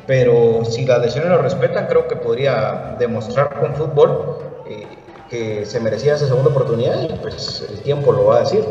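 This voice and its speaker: A man's voice: medium pitch, darkish tone. A man co-hosting a casual sports podcast, explaining points firmly and repeating them. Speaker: podcast co-host. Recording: roomy, distant, dull audio with faint music.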